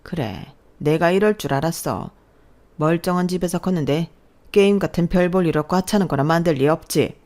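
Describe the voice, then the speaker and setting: A woman voicing a stern, angry middle-aged father who scolds loudly. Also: lowish voice, brisk, close to an everyday voice. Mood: scornful. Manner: shouting, scolding.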